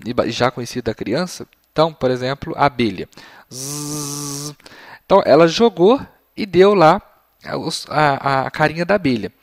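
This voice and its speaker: A man teaching Latin for young children to parents, patient and explanatory, his voice slightly failing as he often clears his throat. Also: a little high, lively intonation, no echo, clean studio sound. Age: adult. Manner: patient and explanatory, models phrases slowly. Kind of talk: explanatory lesson.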